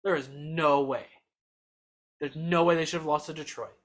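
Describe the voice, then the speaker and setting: A young man co-hosting a podcast, talking sports in a fast, excitable, emphatic way. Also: a little high. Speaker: podcast co-host. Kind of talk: casual sports chat.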